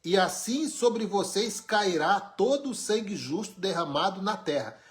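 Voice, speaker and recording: A man's voice: high voice, expressive, a little slow. Emphatic São man preaching. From Brazil, born in Pernambuco, raised in São Paulo. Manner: emphatic, rhetorical questions, wry chuckles. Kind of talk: informal online sermon.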